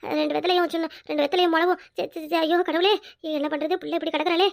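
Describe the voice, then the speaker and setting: A woman's voice: extremely high pitch, fairly even intonation, fast, gravelly. A woman voicing a scolding yet caring old village grandmother in a cartoon, with a Tirunelveli Tamil accent. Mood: fretting. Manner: scolding, fussing, chatty. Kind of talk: cartoon voice acting.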